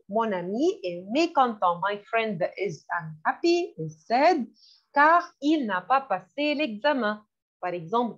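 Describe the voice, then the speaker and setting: A woman teaching French vocabulary in a classroom lesson, repeating each word slowly and glossing it in English. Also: a little high. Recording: dull lo-fi recording.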